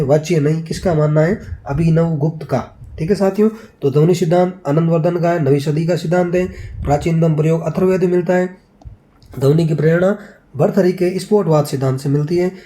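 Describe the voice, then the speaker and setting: Guy teaching an exam revision class, kinda high voice but really warm and dark, keeps repeating stuff and asking "right?". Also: brisk. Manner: quizzes with rhetorical questions, answers them himself; repeats key points, ends phrases with check-in tags.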